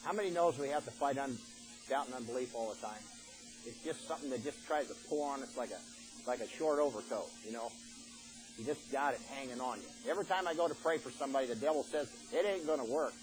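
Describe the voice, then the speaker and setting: A man's voice: medium pitch, quick pace, music in the background, low-quality recording. An older man preaching a sermon in a folksy, plain-spoken way, reading scripture aloud and then explaining it.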